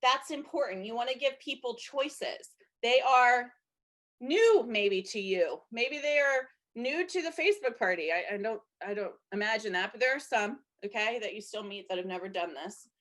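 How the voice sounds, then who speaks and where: A woman coaching sellers in a chatty instructional talk, slightly hoarse from losing her voice and often checking in with her listeners. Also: fairly high pitch, animated, normal speed, a bit bright. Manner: chatty, checks in with "okay?" and "you guys". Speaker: direct sales trainer.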